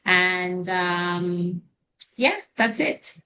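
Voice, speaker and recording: A woman's voice: fairly low pitch, extremely slow, pushed and bright, low-quality recording. A woman introducing herself briefly and plainly on a video call, a little hesitant. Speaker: AI consultant, call participant.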